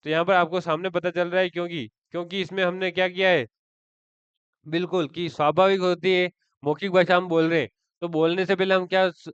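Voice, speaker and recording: A man's voice: high-pitched, little pitch movement, fairly quick, fairly bright tone, smooth, dry recording, dull audio. A man giving an exam-prep lecture, repeating key terms and asking and answering his own questions. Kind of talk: online lecture.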